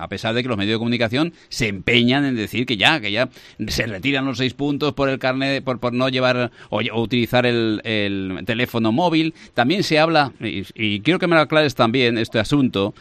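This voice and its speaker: A man's voice: mid-range voice, animated, brisk, a bit bright, dry recording. A man hosting a radio show, talking in a chatty, joking way and often repeating himself. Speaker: radio host. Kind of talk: casual radio chat.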